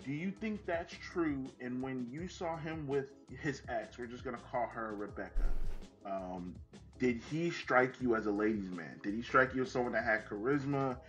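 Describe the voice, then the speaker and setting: A man interviewing a guest over a voice call, asking questions in a relaxed, chatty way. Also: medium pitch, normal speed, soft background music.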